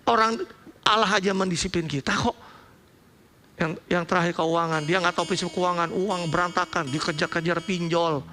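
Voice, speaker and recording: Bright-voiced Indonesian male pastor preaching. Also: high voice, normal speed, faint music behind. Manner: lively conversational preaching with slangy asides. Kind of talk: sermon.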